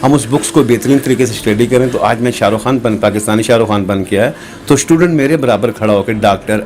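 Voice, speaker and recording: A man's voice: fairly low pitch, darkish tone. A man, a voice mimic, giving earnest, rambling answers in an interview. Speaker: voice mimic guest.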